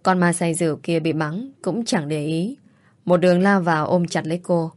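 A woman narrating an audiobook story in a steady storytelling manner. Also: lowish voice, normal speed, no room sound.

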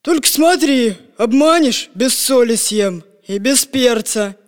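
A woman voicing a sly, hungry male wolf in a children's story, hoarse and gruff. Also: a little high, animated, takes it slowly. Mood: menacing. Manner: gruff and menacing. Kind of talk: storybook reading. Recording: long echoing reverb.

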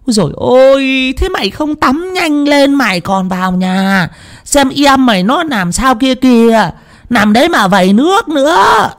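A man voicing a bossy old village woman, nagging in a shrill falsetto. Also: animated, measured pace, a bit bright, heavily acted.

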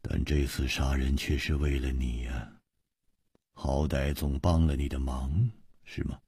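A male storyteller voicing a cold-hearted, wry male martial companion, speaking quietly and mutteringly with a husky voice. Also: a bass voice, slow, no echo, clean studio sound, pitched below the performer's own voice, full character voice.

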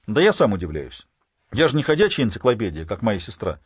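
A man voicing a cheerful, easygoing teenage boy from a noble clan who explains things in a relaxed, offhand way. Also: lowish voice, quick pace, husky, no echo, studio quality.

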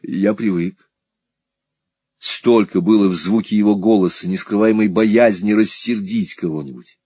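A man narrating a classic novel as an audiobook, reading in a measured, expressive way. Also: fairly low pitch, no room sound, clean studio sound.

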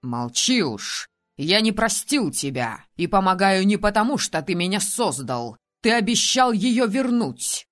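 A woman reading an audiobook and voicing a hoarse, furious male ruler who shouts and snaps. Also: low-pitched, expressive, unhurried, few pauses, soft background music. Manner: shouting, snapping, biting.

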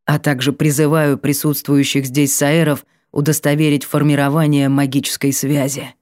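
A proud noble lord, read by a woman in an audiobook, speaking slowly and formally. The voice sits low and sounds mellow, and the recording is dry and close. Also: little pitch movement, dry recording, natural voice.

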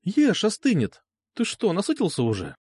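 A man's voice: high-pitched, normal speed, breathy edge, no room sound, clean studio sound, pitched above the performer's own voice, full character voice. Man voicing a playful teasing young woman. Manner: teasing, lively. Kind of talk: audiobook character voice.

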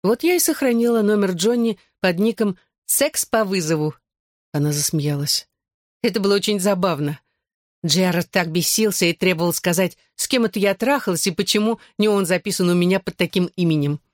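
Woman narrating an audiobook, lowish voice, calm and even, dry close recording. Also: fairly quick, no echo. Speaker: audiobook reader. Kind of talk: scripted narration.

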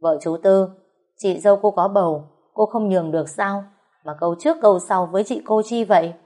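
A woman voicing a domineering middle-aged husband who talks in a loud, scolding way. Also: mid-range voice, brisk, close to an everyday voice.

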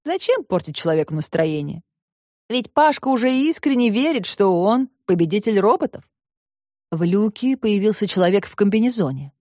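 A woman narrating a children's audiobook in an expressive storytelling manner, close to the mic. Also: medium pitch, normal speed, dry recording.

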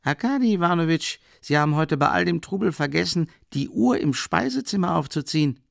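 A man's voice: on the high side, animated, brisk, creaky, no room sound, clean studio sound, voice pushed up. A man reading an audiobook, voicing a fussy, prim woman who appears as a ghost. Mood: solicitous.

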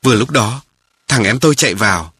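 A man calmly narrating a memoir aloud in a measured storytelling voice. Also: mid-range voice, slightly rough.

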